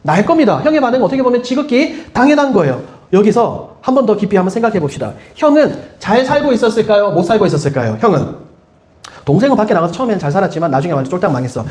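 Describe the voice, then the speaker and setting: A man's voice: high voice, darkish tone. A man preaching as a pastor to a middle-school youth group, asking the listeners many questions and leading them in group reading. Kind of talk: youth sermon. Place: church hall. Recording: echoey room.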